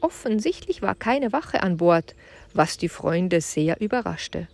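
A woman narrating a children's adventure audiobook with clear, even storytelling. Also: fairly low pitch, takes it slowly, no echo.

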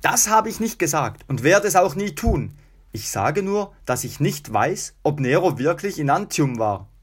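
A man's voice: fairly high pitch, very animated, measured pace, slightly rough, full character voice. A man voicing an outspoken middle-aged Roman guard tribune, speaking with raised emphasis.

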